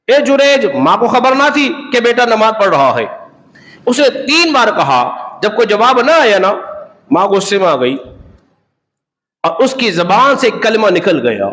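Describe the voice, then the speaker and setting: A man's voice: sits high, a bit bright, big-room sound. A man preaching a sermon, telling a story and asking the audience rhetorical questions. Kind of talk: sermon on hadith.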